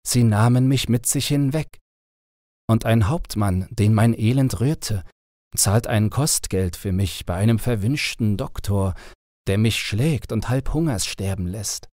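A man's voice: lowish voice, unhurried, darkish tone, no room sound, studio quality, close to an everyday voice. A man voicing a homesick, pleading young boy in a storybook reading, with an earnest, plaintive manner.

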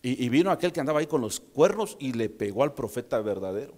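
A male pastor from preaches to his congregation, telling the story with vivid acted-out moments and joking asides. His voice sits at an ordinary middle pitch. It rings out with the long reverb of a church hall. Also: sing-song, fast talker, a little mellow. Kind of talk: sermon.

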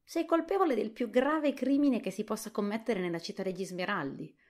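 A woman voicing a fussy, excitable male scarecrow of straw in a soft-spoken whispered role-play audiobook. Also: a little fast, natural voice. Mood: alarmed. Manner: excitable, rising to high pitch.

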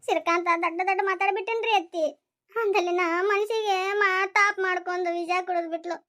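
A woman's voice: very high voice, fairly even intonation, fairly quick, a bit bright. A woman voicing a frantic pleading village woman. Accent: North Karnataka Kannada. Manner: urgent, pleading. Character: frantic young village woman begging for help.

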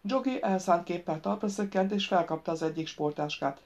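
A woman narrating an audiobook in an even, measured way. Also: fairly low pitch. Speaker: audiobook reader.

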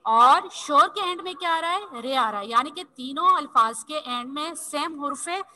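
A woman's voice: sits high, lively intonation, bright, forceful tone, poor audio. A woman teaching an online language class, spelling words out letter by letter and patiently coaxing her pupils with constant check-ins. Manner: repeats "theek hai" constantly and spells words letter by letter slowly. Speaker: Urdu teacher. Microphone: video call.

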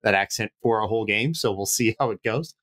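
A man's voice: on the low side, fairly quick. Laid-back male guest who laughs easily. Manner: relaxed, laughs often, many fillers. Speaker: panel guest, game master. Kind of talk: casual panel chat.

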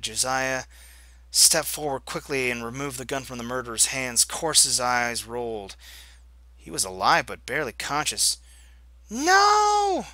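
A gameplay host reading a story game aloud, reacting loudly and swearing at his choices. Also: medium pitch, dry recording.

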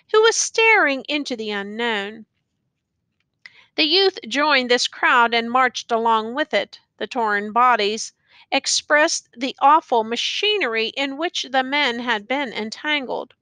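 Slow, bright-voiced woman audiobook narrator. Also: fairly high pitch, no room sound. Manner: slow, deliberate reading. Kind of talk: scripted narration of a classic novel.

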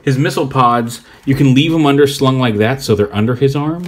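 A man giving a relaxed, rambling hands-on toy review, thinking aloud as he poses the figure. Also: mid-range voice, a little fast. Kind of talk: casual hands-on product review.

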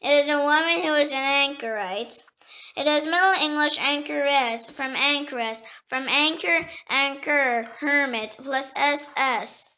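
A woman reading dictionary entries aloud slowly and carefully, spelling each word letter by letter and sometimes stumbling and restarting a word. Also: sits high, bright, forceful tone. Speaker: dictionary reader.

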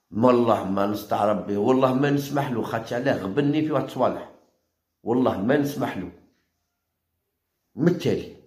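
A man with an Algerian Arabic accent hosting a football channel, ranting heatedly and mockingly, repeating himself and jumping high in pitch when worked up. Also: darkish tone, echoey room. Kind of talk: heated opinion rant.

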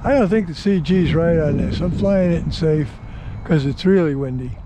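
An older man giving offhand, halting commentary outdoors while flying a model plane on a windy day. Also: fairly high pitch. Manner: offhand, halting, self-deprecating. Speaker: RC hobby pilot.

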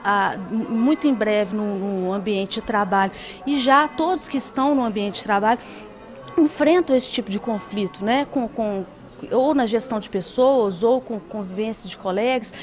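Woman, 30s, organizer interview, stumbling delivery, handheld mic, faint music under. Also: a little high. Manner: hesitant, many restarts and fillers. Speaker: event organizer. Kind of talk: on-camera interview. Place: indoor event hall. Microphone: handheld reporter mic.

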